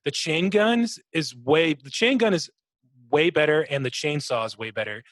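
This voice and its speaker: Co-hosting a podcast, a man with a somewhat high, animated voice talks casually about games at a moderate pace. His tone is a bit bright, and he swears freely and imitates sound effects. The recording is dry.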